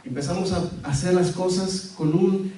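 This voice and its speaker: A man's voice: sits high, steady tone. Earnest preacher man in an echoey hall. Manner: earnest preaching with soft pauses and sudden emphatic rises. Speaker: pastor. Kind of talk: sermon. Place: church sanctuary. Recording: echoey church hall, mic at a distance.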